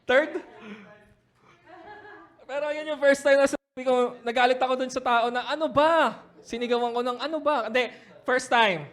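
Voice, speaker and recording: A man, a pastor telling a personal story in a sermon, moving between hushed reflection and loud, laughing retelling. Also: extremely high pitch, level tone, moderate pace, pauses often.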